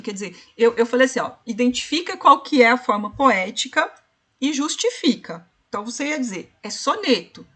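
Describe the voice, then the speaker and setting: A woman teacher, her voice sitting a little high for a woman. She talks through a screen-shared lesson in a patient, explanatory way. She often stops to ask "né?" and slows right down to count syllables aloud. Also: fairly bright tone, husky. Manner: explanatory, repeats "né?" and "ó"; slows down to count syllables and spell out rhyme schemes. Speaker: literature teacher. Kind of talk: online tutoring session.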